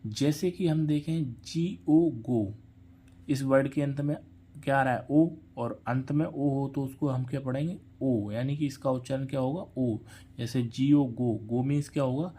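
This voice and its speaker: A man teaching an English phonics lesson, spelling out letters slowly and asking and answering his own questions. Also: medium pitch, mellow.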